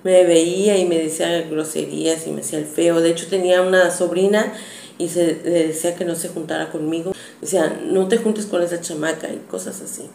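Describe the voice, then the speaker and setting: Low, gravelly-voiced woman telling a story. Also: steady tone, brisk, mellow. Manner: earnest, hesitant, conversational. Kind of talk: personal storytelling. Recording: echoey room with faint background noise.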